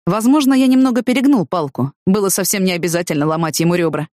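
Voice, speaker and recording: A matter-of-fact young man speaks in a flat, understated way, voiced by a woman narrator. The reading is close and dry. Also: fairly low pitch, quick pace, no room sound, lightly acted. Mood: hesitant.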